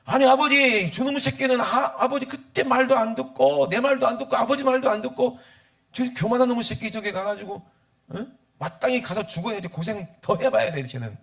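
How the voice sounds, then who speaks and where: A man's voice: very high-pitched, animated, brisk, pitched above the performer's own voice, exaggerated voice. A man playing an indignant resentful elder son. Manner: shouting, scornful.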